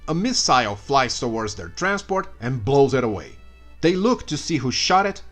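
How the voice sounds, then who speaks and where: Guy narrating a comedy story recap, bright and kind of sharp, sarcastic asides, faint music underneath. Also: medium pitch. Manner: sarcastic asides and mock outbursts.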